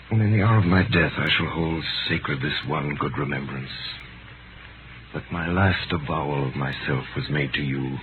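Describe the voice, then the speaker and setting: In a 1930s radio drama heard through a noisy, tinny broadcast, a deep-voiced actor plays Sydney Carton, a despairing, dissolute gentleman. He delivers the role with tender self-abasement.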